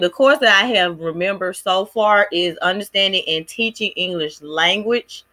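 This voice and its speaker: A woman presenting a first-grade lesson plan in a casual, halting way, with many fillers. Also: lowish voice, sharp tone. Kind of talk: recorded class presentation.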